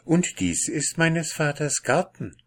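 A man voicing a cheerful, carefree young princess in a fairy tale, with a bright, playful manner. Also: fairly high pitch, takes it slowly, voice pushed up.

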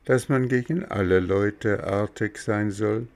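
A man's voice: lowish voice, takes it slowly. A man voicing a wise, stern little talking cricket in a storybook reading, with a lecturing, reproachful manner. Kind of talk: storybook narration.

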